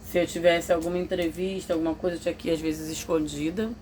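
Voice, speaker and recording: A woman's voice: lowish voice, level tone, fast, darkish tone, a little hiss or hum. Woman confiding a hard past. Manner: confiding, emotional storytelling that acts out others' voices. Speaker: vlogger telling a personal story. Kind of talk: personal testimony to camera.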